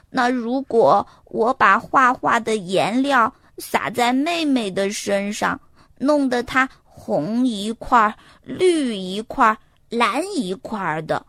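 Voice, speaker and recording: A woman's voice: fairly high pitch, a bit bright, no room sound, studio quality, exaggerated voice. Woman doing a hesitant bear cub girl. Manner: childlike, hesitant with many "嗯" fillers. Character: little bear cub girl, eager and questioning. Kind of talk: children's story reading.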